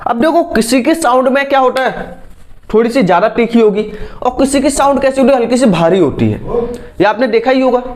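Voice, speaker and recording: A man's voice: very high voice, expressive, fairly quick. A man teaching a science lesson, constantly asking his students questions and answering them himself. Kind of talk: classroom lecture.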